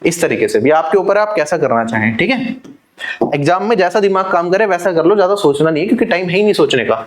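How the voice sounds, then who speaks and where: A man's voice: high voice, animated. A man teaching an online maths lesson for exam prep, working through problems step by step and checking in with his students. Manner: brisk, explains step by step and checks in with listeners.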